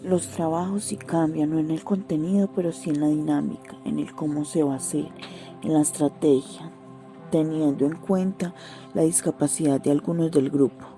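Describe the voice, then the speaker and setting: Woman, pretty low voice, reflective testimony, music clearly playing behind. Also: steady tone, normal speed, mellow. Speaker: interview participant, sociology graduate. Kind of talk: reflective testimony, partly read from a script.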